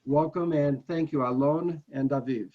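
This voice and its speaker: A man hosting the event introduces the speakers politely and formally. His voice sits slightly high and comes through dull and distant. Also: normal speed. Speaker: event host.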